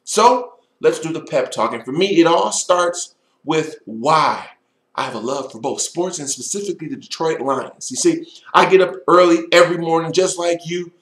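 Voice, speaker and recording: Male, fairly high pitch, conversational locker-room pep talk for sports fans, motivational and emphatic, roomy echo on the recording. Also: normal speed, fairly bright tone. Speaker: sports fan commentator. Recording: echoey room.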